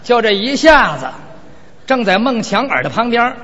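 A man performing a traditional story, animated, dramatic and humorous. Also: very high voice, moderate pace. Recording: reverberant hall, dull lo-fi sound.

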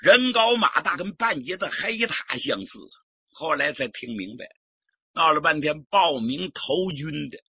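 A man performing a traditional story, lively and dramatic with colloquial asides. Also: a little high, a little slow, slightly rough, no echo. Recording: dull lo-fi recording.

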